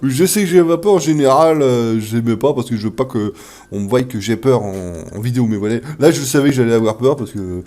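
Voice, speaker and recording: A man giving casual commentary while playing a horror game, jumpy, expressive and self-mocking, with swearing. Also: mid-range voice, fast. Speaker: video game player and video maker.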